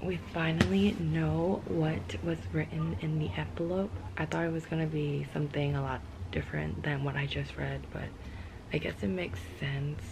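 A woman's voice: low voice, fairly even intonation, moderate pace, gravelly, background noise. A young woman chatting casually about a book she is reading, exasperated and sometimes dropping to a whisper. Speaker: book vlogger. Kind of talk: casual reading vlog chat.

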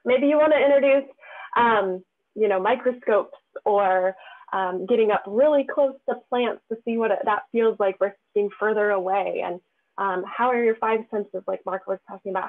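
A woman's voice: mid-range voice, moderate pace. A woman presenting in a casual webinar over a video call, explaining in a friendly way with frequent fillers. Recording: tinny phone-like webinar audio.

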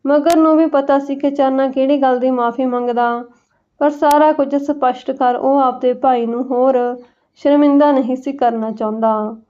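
A woman narrating an emotional village family story in a steady, feeling storybook reading. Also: high voice, moderate pace. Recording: dull lo-fi recording.

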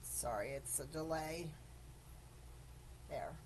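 Slow-talking woman demonstrating a craft. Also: sits low, darkish tone, slight background noise, low-quality recording. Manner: chatty, step-by-step explaining, greets viewers. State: coughing after choking. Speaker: craft tutorial host. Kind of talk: live-streamed craft demonstration.

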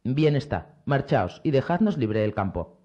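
A man's voice: medium pitch, big pitch swings, unhurried, warm tone, muffled recording. A man reading aloud, voicing a haughty nobleman who commands a band of riders. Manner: imperious, commanding. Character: haughty male noble leading armed riders.

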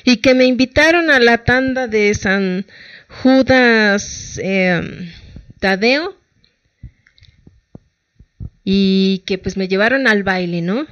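A woman's voice: mid-range voice, slow pace, pauses often, a bit bright, no room sound, lo-fi sound. A middle-aged woman psychologist with a Mexican Spanish accent, giving colloquial advice and asking her listeners rhetorical questions. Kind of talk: talk-show advice talk.

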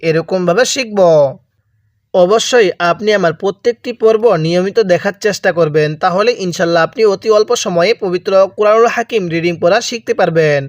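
Man, Bangladeshi Bengali accent, Quran teacher, patient syllable drills, high voice, dry recording. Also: moderate pace, no echo, lo-fi sound. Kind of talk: slow call-and-repeat recitation lesson.

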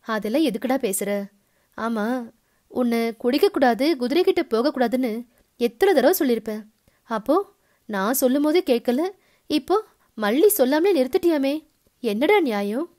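A woman lends her high voice to an old father in a storybook, gruff on the surface but warm underneath, teasing a friend he has just made peace with. The voice sits high and reads lightly, with affection under every scolding word. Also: animated, normal speed, long pauses. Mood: fond teasing.

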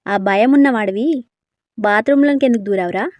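A woman reading a bold, teasing young woman who fires back quick playful retorts in a storybook tale. The voice sits a little high and sounds close and dry. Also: a little mellow, no room sound, lightly acted.

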